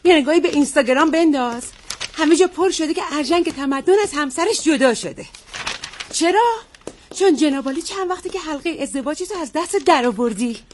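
A woman's voice: sits high, animated, slight background noise. An actress playing a screenwriter wife who nags her husband indignantly. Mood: nagging. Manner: nagging, indignant.

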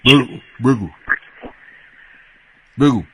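A man's voice: medium pitch, pushed and bright, slightly rough. A man hosting a quiz show, coaxing and teasing the contestant in playful game show banter.

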